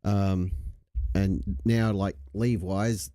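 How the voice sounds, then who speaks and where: Low-pitched and slow, with warm, fairly even intonation, an Australian host runs a casual livestream, joking and swearing in a laid-back way. He's recovering from a chest infection and keeps coughing. The clean studio recording has no echo.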